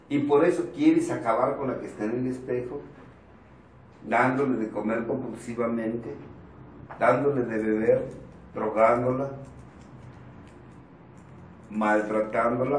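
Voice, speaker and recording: Blunt Mexican man in a roomy hall. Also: medium pitch. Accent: Mexican Spanish. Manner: blunt, joking, acts out voices, swears casually. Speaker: speaker at a twelve-step support group. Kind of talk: informal motivational talk. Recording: roomy, distant mic, faint noise.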